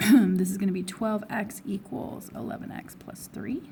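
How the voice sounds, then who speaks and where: A woman teacher with a hoarse, fading voice, working step by step through a recorded math review and asking herself questions before answering them. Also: medium pitch, normal speed, dark tone, a little hiss or hum. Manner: steps through problems, asking and answering her own questions. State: hoarse, losing her voice, with coughs. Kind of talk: recorded test review lesson.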